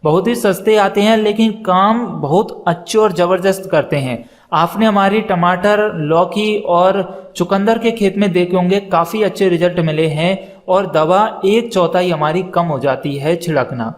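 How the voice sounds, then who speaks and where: High-voiced man giving farming advice. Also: measured pace. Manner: plain, advisory, addresses viewers directly as farmer brothers; steady explanatory delivery of figures and doses. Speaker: farming video host. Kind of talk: instructional narration for farmers.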